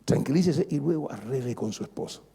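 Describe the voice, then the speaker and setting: A male pastor preaching an animated sermon, joking with the congregation and repeating phrases for emphasis. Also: medium pitch, brisk, vocal fry, husky. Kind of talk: lively sermon. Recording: long reverb of a large church hall.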